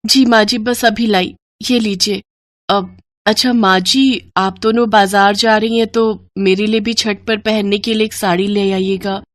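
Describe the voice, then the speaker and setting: A woman's voice: mid-range voice, steady tone, unhurried, dry recording, studio quality, natural voice. Woman playing a meek young daughter-in-law. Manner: soft, polite.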